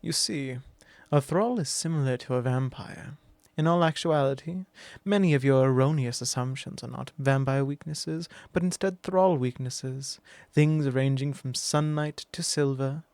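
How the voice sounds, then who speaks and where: Here a man with a mellowish mid-range voice, lightly acted and free of echo, plays a haughty, possessive vampire in an ASMR roleplay. He speaks at a measured pace in a mocking, condescending drawl, sometimes whispering up close.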